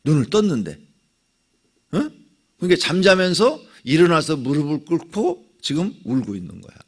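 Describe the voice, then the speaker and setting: A middle-aged male pastor telling a personal testimony in a dawn prayer sermon, dramatic, with sudden swings between loud cries and near whispers. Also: fairly high pitch, very animated, moderate pace, slightly rough.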